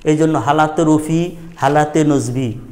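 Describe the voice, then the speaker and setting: A man's voice: on the high side, unhurried, a little mellow. A middle-aged man, teaching a grammar lesson at a madrasa and quizzing his students with repeated questions.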